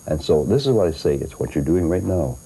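A man's voice: very deep voice, lively intonation, fairly quick, warm tone, slightly rough, low-quality recording. An older man, a singer and actor, chatting in an interview and telling stories with lots of fillers, restarts and laughs. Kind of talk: interview, storytelling.

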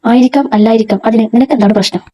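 A woman's voice: fairly high pitch, fairly even intonation, very fast, mellow, close to an everyday voice. A woman reading the lines of a curt, dismissive young man in a storybook. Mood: cold.

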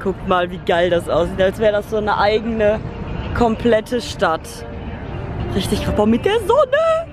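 A woman vlogging with a handheld camera, excitable and slangy in a playful, casual chat. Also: medium pitch, measured pace, over music. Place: outdoors on a busy city street, then a restaurant. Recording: loud street traffic and crowd noise.

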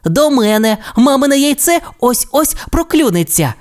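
A man voicing an excitable young boy troodon dinosaur in a children's audio tale, talking in eager exclamations. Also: very high voice, normal speed, voice pushed up. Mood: excited.

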